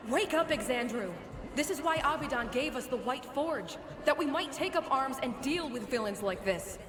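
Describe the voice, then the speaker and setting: A woman's voice: sits high, expressive, normal speed. Warlike ghost woman, echoing hall. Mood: fierce. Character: bitter, warlike female ghost of a fallen fortress. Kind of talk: dramatic video game acting. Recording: echoing hall reverb, clear background noise.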